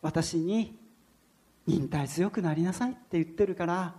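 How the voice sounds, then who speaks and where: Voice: mid-range voice, measured pace, dark tone, lightly acted. A preacher voicing a middle-aged male taxi driver who earnestly admits his short temper and speaks of his faith. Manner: earnest, self-effacing confession.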